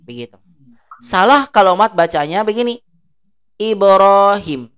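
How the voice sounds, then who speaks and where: A woman teaching an Arabic class. She drills words slowly, stretching the long vowels, and asks the class check questions. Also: rumbling low, animated, clear, resonant tone.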